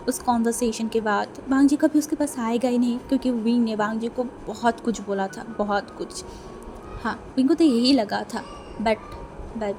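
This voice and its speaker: A woman narrating a fan fiction story in a slightly high, mellow voice. She repeats short phrases for emphasis, with faint noise behind her.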